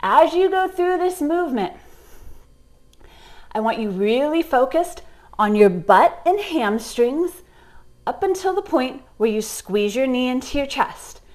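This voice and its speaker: A woman's voice: high-pitched, animated, unhurried, darkish tone. A young woman leading a home workout, giving encouraging cues while exercising along, getting out of breath at times. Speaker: fitness instructor.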